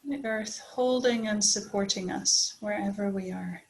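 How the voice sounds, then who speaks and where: A woman teaching a guided body scan meditation speaks gently and without hurry, leaving long pauses. Her voice is medium-pitched, and the recording quality is rough.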